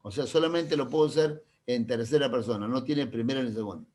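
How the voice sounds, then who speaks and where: A middle-aged man, teaching a classroom grammar lesson. He keeps checking that the class understands with quick questions and uses playful, teasing examples. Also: medium pitch, darkish tone. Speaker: language teacher.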